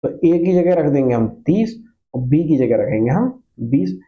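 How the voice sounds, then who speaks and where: A man's voice: on the high side, expressive, measured pace, highs cut off. A man teaching math to a class, explaining each step patiently, asking questions and repeating key points, mixing in English terms. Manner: mixes Hindi with English terms.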